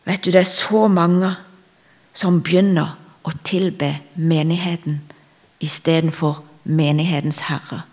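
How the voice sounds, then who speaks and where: A woman preaching a sermon with personal testimony, fervent, rising to loud emphasis and dropping to whispers. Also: low-pitched, level tone.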